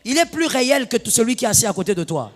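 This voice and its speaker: A woman pastor preaching a sermon, moving from hushed tones to loud bursts. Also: a little high, sing-song, quick pace. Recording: long reverb of a large hall.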